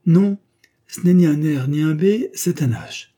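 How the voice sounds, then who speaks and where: A man's voice: medium pitch, measured pace, mellow, husky. A man voicing a flustered, greedy bourgeois husband who stammers and then blusters in annoyance. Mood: hesitant.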